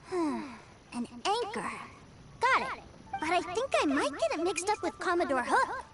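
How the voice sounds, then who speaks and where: Little boy, very high pitch, lively intonation, innocent, curious, eager, anime game, prominent music. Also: normal speed. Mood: thoughtful. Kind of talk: anime video game voice acting. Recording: music playing behind the voice.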